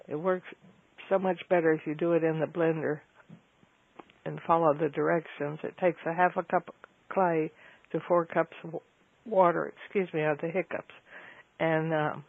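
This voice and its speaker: A man's voice: a little high, dry recording. A man explaining things at length on a phone call, rambling with fillers and correcting himself as he goes. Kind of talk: casual explanatory talk. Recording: tinny phone line.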